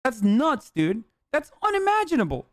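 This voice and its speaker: A man's voice: very high-pitched, wildly swooping pitch, moderate pace, no echo, clean studio sound. Fired-up ranting male streamer. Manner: angry, profane, emphatic. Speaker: livestream host. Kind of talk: heated livestream rant.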